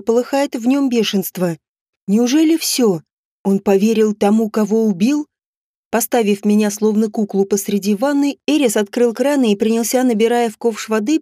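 A woman narrating a first-person audiobook in a steady, measured reading with quiet emotion, close to the mic. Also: on the high side, no room sound.

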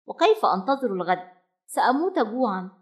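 Picture a small hungry bird chick from a children's storybook, eager and a little pleading, his voice sitting fairly high. He talks with earnest, childlike determination, as a woman narrator puts him on. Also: very animated, quick pace.

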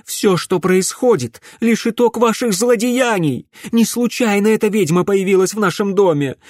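A man putting on a shrill, furious noblewoman. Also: normal speed, no room sound, clean studio sound, close to an everyday voice. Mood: indignant. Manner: shrill, indignant shouting. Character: distraught noblewoman, a mother, shrill and defiant.

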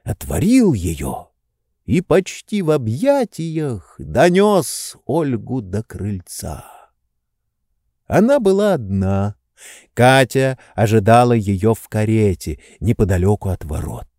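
A man reading a classic novel aloud as an audiobook, slow and theatrical, voicing the dialogue. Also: on the low side, big pitch swings, a little mellow, no echo, clean studio sound. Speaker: audiobook narrator. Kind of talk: scripted narration of a classic novel.

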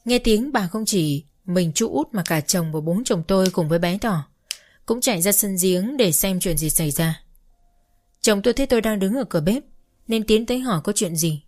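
A woman giving a steady, matter-of-fact first-person story narration. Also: mid-range voice, normal speed.

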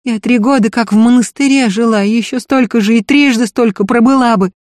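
A man reading aloud, voicing a fiery, quick-tempered young woman who scolds at full voice. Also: extremely high pitch, no echo, clean studio sound, pitched above the performer's own voice. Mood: furious. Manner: shouting, scolding. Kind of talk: audiobook reading.

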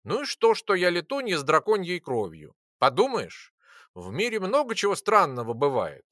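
A woman's voice: lowish voice, wildly swooping pitch, normal speed, fairly bright tone, dry recording, clean studio sound, voice pushed up, full character voice. A narrator voicing a blunt, matter-of-fact young woman with dragon blood in an audiobook. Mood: dismissive. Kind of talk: audiobook character voice.

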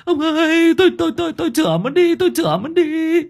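A man's voice: big pitch swings, rapid-fire, vocal fry, warm tone, exaggerated voice. A man voicing an old village widow who wails and stammers over her husband's coffin. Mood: wailing. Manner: shrill sobbing lament, stammering repeats.

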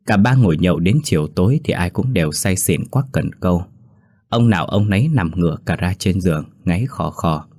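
A man narrating a horror story in a steady, even storytelling manner. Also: low-pitched, fairly quick, slightly rough.

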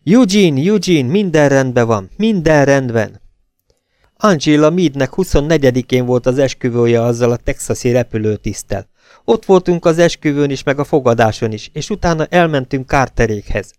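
A man voicing a composed young wife who speaks quietly and then eagerly. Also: medium pitch, clean tone, no echo, studio quality, pitched above the performer's own voice, natural voice. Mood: relieved.

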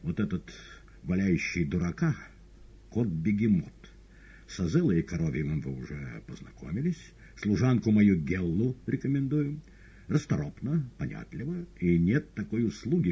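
A man's voice: low voice, sing-song, moderate pace, dark tone, breathy edge, heavily acted. A man voicing an imperious old devil who commands his retinue with curt, ironic words. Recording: dull lo-fi audiobook recording.

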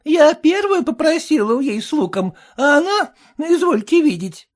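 A huffy, quarrelsome old mother-in-law, voiced by a male reader of a comic storybook. She sits high above his usual voice, pushing every complaint forward with lively, indignant swings. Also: normal speed.

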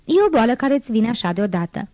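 An old spinster neighbor over sixty, blunt and matter-of-fact in her answers, as a woman reader puts her on. Her tone is mellow and dark, heard close in a dry room. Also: fairly high pitch, expressive, no room sound, natural voice. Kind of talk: audiobook character reading.

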